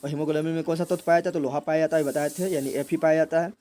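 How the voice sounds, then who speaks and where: A fairly high-pitched young man runs an exam prep lesson. He keeps asking the class a question and answering it himself, circling back over each point. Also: fairly even intonation, rapid-fire, mellow. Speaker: teacher.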